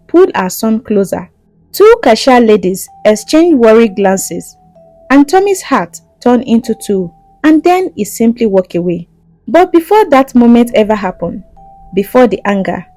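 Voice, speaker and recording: Lively dramatic woman storyteller. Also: fairly high pitch, dry recording, rough recording. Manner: rhythmic, dramatic, with repeated phrases. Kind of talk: scripted dramatic narration.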